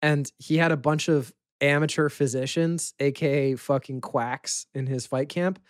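A man co-hosting a loose podcast conversation, his voice sitting a little high for a man. He rambles through stories, laughs easily and swears offhand. The sound is dry and close, with no room around it. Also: steady tone, normal speed, dry recording. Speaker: podcast co-host. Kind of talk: casual chat about fighting.

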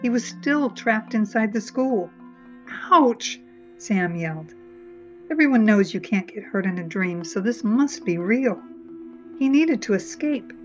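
A woman's voice: mid-range voice, animated, unhurried, darkish tone. A woman reading a children's chapter book aloud, punching out the sound-effect words. Her voice sits mid-range. The recording is dull and muffled, with faint instrumental music under it. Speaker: narrator. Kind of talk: storybook read-aloud narration.

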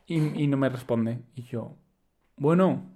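Fast-talking young man telling a story. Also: mid-range voice. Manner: animated storyteller acting out quotes. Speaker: podcast guest storyteller. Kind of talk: casual chat.

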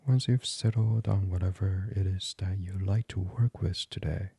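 Male meditation guide, very low, mellow and unhurried, close and dry. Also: steady tone, creaky, breathy edge, dry recording. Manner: slow, soft and soothing, drifting into whispers.

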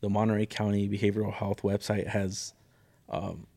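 A man's voice: lowish voice, completely flat delivery, normal speed, gravelly, dark tone. A young man who works with clients in mental health, chatting casually as a podcast guest, cursing freely and saying "dude" and "bro" all the time. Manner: slangy and profane, says "dude" and "bro" constantly. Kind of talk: casual chat.

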